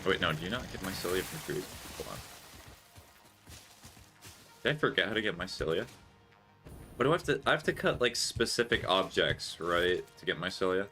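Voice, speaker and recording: A man's voice: low voice, lively intonation, normal speed, long pauses, music in the background. A young man chatting casually and musing aloud while he streams a game, given to mock-dramatic remarks. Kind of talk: casual gameplay chat.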